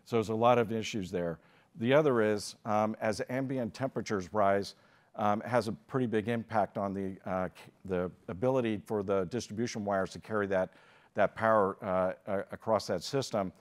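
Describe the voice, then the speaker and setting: Standing at the lectern microphone of a conference stage, an older American man presents a keynote in a fairly low pitch. His pace is measured, broken up by frequent filler pauses.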